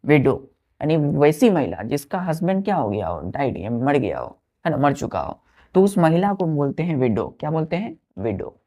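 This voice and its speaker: A woman teacher spells out vocabulary letter by letter and counts aloud, repeating each word and continually checking that her pupils follow. Her low, dark-toned voice is sing-song and moves at normal speed.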